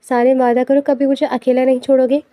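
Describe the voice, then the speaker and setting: A woman's voice: sits high, flat delivery, mellow, no room sound, lightly acted. A woman voicing a teasing, affectionate young wife in an audiobook novel. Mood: playful.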